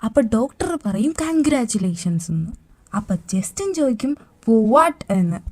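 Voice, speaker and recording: Sex: woman. Role: fan drama narrator. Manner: teasing, lively. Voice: mellow, fairly high. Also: brisk. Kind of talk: casual storytelling with banter.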